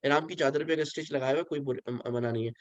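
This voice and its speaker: A man leads a pilgrimage training session over a video call, explaining each rule patiently and checking that his listeners follow. His voice sits a little high for a man. The sound is close and dry, with no room around it. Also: quick pace, dry recording, highs cut off. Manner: explains patiently, asks listeners to repeat, mixes in English phrases. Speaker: religious instructor. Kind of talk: online pilgrimage training lecture.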